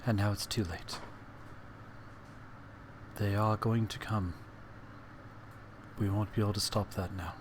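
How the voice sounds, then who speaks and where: Man doing a weary, halting old man, lowish. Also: steady tone, background noise, lightly acted. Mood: grave, exhausted. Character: exhausted, guilt-ridden elderly male scientist. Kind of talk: acted diary recording in tabletop game.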